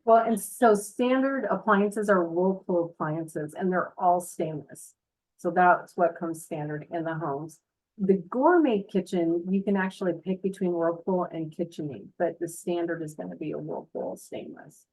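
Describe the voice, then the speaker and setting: A woman's voice: lowish voice, measured pace, a little mellow, low-quality recording. A woman giving a casual, informal house tour as a builder's representative, explaining features in a chatty way. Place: voice-over talking over a tour video.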